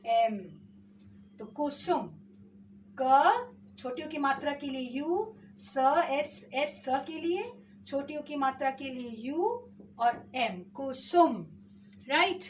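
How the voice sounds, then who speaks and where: A woman teacher with an Indian accent, slowly sounding out words for children in a spelling lesson. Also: sits high, recorded from a distance, a little hiss or hum. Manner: slow, drawn-out sounding of words.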